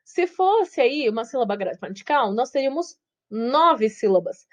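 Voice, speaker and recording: A woman teacher with a Brazilian Portuguese accent, giving an online lesson. She repeats words slowly syllable by syllable and keeps checking with the class. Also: a little high, animated, highs cut off. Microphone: video call setup, her own face on screen.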